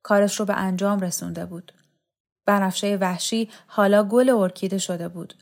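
A woman narrating a novel aloud as an audiobook reader, calm and measured. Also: mid-range voice, vocal fry. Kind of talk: scripted literary narration.

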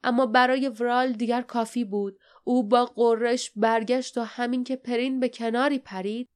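A woman narrating a storybook audiobook in a steady, measured reading. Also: mid-range voice, clean tone.

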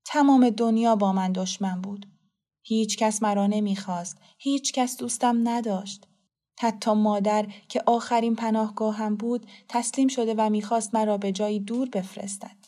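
Calm woman reading an audiobook. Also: mid-range voice. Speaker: narrator. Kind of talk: scripted audiobook narration.

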